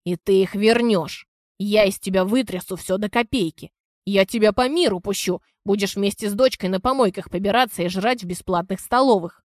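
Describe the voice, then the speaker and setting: A woman's voice: mid-range voice, moderate pace, no room sound, studio quality, natural voice. A woman reading an audiobook, voicing an angry adult son who roars threats. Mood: furious. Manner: roaring threats.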